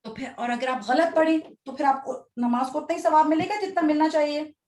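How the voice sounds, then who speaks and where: A woman teaching children Quran recitation in an online class. She recites slowly, syllable by syllable, for pupils to repeat, and quizzes them between lines with praise. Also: high-pitched, steady tone, a little mellow.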